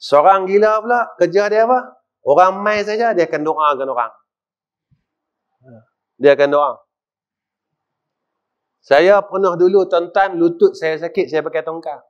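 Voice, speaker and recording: Middle-aged northern malaysian guy preaching in a mosque, highish voice, keeps quizzing the crowd, muffled lo-fi sound. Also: unhurried, long pauses. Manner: rhetorical questions to the audience, swings from loud to quiet. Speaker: religious teacher. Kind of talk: mosque lecture. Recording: dull lo-fi recording.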